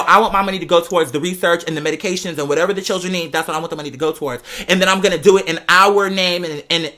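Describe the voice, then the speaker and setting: A young American vlogger with a bright, pushed, mid-range voice tells gossipy stories to her patrons. She's sassy and slangy, leaning hard on certain words and repeating phrases for effect in a casual storytelling style.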